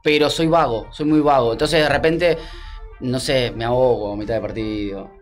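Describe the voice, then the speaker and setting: Man, Rioplatense Argentine accent, co-host, slangy, self-mocking, mid-pitched voice. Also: moderate pace, soft background music. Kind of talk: casual studio chat.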